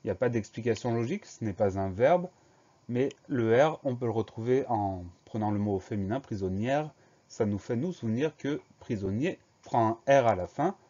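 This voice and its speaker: A man teaching a spelling lesson, slowly and carefully spelling words out letter by letter. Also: medium pitch, expressive, warm tone, lo-fi sound.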